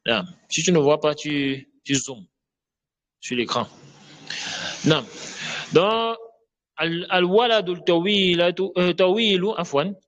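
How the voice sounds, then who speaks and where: A man's voice: sits high, a bit bright, lo-fi sound. Patient man teaching a language lesson. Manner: explains patiently, checks understanding often, reads Arabic examples slowly. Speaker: Arabic teacher. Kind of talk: online Arabic grammar lesson.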